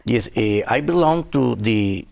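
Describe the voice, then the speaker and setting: A man from Cuba in his sixties, a physician, speaks earnestly in a TV interview, hesitating often and using lots of fillers. His mid-range voice is expressive and darkish, with vocal fry.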